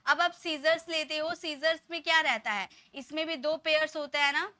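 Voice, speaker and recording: Woman English tutor, patient, repeats examples slowly; high, sharp, dry voice. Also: fairly even intonation, no room sound. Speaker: English teacher. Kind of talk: Hindi-language grammar lesson.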